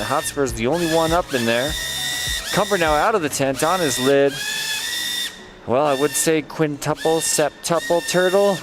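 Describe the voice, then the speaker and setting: A man giving live race commentary as host, chatty and joking. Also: mid-range voice. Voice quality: joking, chatty, reads out chat shout-outs.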